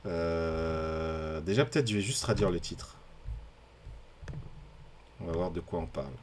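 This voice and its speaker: A man hosting a live stream, thinking aloud with many fillers and pauses, sounding out foreign words slowly and loudly, then trailing off quietly. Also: low voice, a little hiss or hum. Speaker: podcast host.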